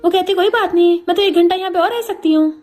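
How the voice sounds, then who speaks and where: A woman with a very high, mellow voice races through a drama recap, voicing each character's lines in her own plain tone. Faint music plays underneath. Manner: retells every character's lines in her own voice with quick Hindi-English mixing. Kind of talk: fast storytelling recap of a drama.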